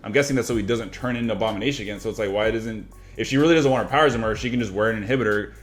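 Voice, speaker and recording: Fast-talking man in casual chat. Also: on the low side, faint music behind. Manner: fast, animated, swears casually, mimics characters' lines. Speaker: reaction channel co-host.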